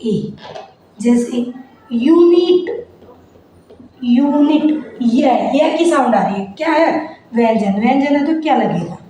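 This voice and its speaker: A woman's voice: a little high, animated, unhurried, dark tone. A woman teacher giving a grammar lesson, asking the class questions and answering them herself. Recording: very echoey room, faint noise.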